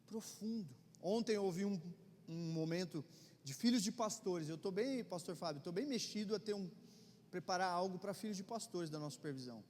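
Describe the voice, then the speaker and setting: A middle-aged Brazilian man with a Brazilian Portuguese accent, preaching a conversational sermon in church, swinging between loud urgency and quiet intensity. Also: sits high, lively intonation, fairly quick. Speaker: pastor. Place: church hall. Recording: long reverb of a church hall, faint ambience.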